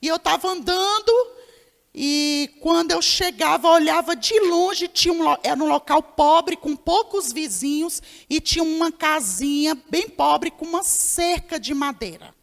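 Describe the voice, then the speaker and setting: Woman pastor, high voice, storytelling sermon, long reverb of a church hall. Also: measured pace, gravelly. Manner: storytelling, acts out dialogue, addresses congregation as irmão. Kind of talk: sermon testimony.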